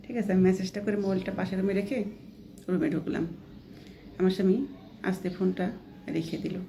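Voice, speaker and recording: A woman's voice: medium pitch, fairly even intonation, a little fast, creaky, dark tone, slight background noise. A woman vlogger telling a first-person story in a casual, chatty way, quoting others as she goes and often adding a checking question. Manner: plainly quotes others within the story.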